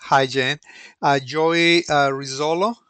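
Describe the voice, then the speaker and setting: Male instructor for an online lecture, halting delivery, slightly high bright voice, dry close sound. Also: fairly even intonation, clean tone, dry recording. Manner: hesitant, many pauses and restarts.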